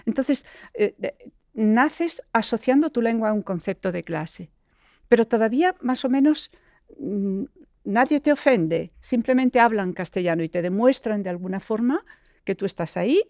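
Thoughtful middle-aged poet, dry sound. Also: female voice, on the low side, darkish tone, no room sound. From Galicia. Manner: thoughtful, pauses with fillers and restarts. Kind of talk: reflective interview talk.

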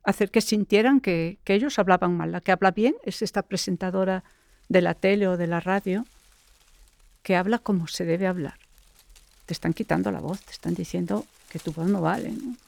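A middle-aged woman from Galicia, a poet, speaking reflectively in an interview and pausing often with fillers and restarts. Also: lowish voice, gravelly, a little mellow. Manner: thoughtful, pauses with fillers and restarts.

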